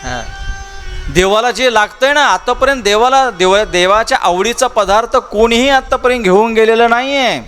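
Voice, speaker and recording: A man's voice: extremely high pitch, moderate pace, a bit bright, soft background music. A man preaching a devotional katha sermon with a Marathi accent, full of rhetorical questions to the crowd and repeated phrases. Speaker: kirtan preacher telling the Shiv Mahapuran katha. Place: large public gathering at a festival.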